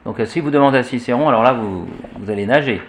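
A man's voice: medium pitch, fast, slight background noise. A man teaching church Latin pronunciation to a class, spelling out letters and repeating example words with frequent hesitations. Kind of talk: classroom lesson.

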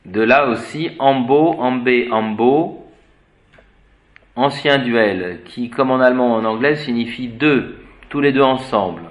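A man lecturing on the roots of words at an unhurried, deliberate pace. He spells terms out letter by letter and muses aloud as he goes, often halting with fillers while he hunts for the right word. His voice sits at an ordinary middle pitch. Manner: hesitant, searches for words with fillers. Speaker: etymology teacher. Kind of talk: unscripted etymology lecture.

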